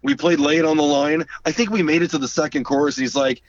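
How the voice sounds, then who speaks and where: Recalling his career in a casual storytelling interview, a male drummer speaks on the high side, animated and relaxed. He acts out the voices of people he quotes and hums drum beats, all captured by a distant, dull lo-fi mic with a little hiss or hum.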